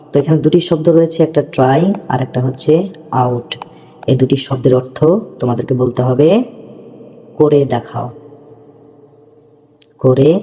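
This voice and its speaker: A man teaching English phrases in a slow, patient lesson, repeating words and checking that his students follow. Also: mid-range voice, dark tone. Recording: dull lo-fi audio with long reverb.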